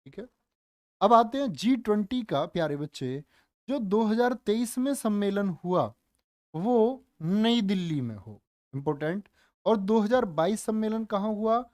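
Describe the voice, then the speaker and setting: A man teaching a live online general knowledge class, speaking slowly and deliberately, repeating facts and quizzing his viewers, with joking asides. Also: high voice, lively intonation, no room sound, clean studio sound. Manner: calls viewers "dear children", joking asides. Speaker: online exam-prep teacher.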